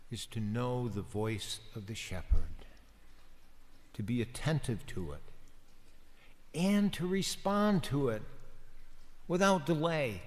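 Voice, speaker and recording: A man, a deacon, giving a homily in a gentle, conversational preaching manner with pauses. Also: medium pitch. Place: church. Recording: long church reverb.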